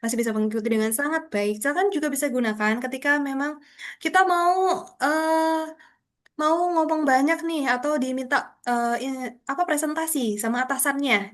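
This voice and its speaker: A woman's voice: sits high, a bit bright. A young woman lecturing a public speaking class over a video call, explaining patiently with frequent tag questions. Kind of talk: online class instruction.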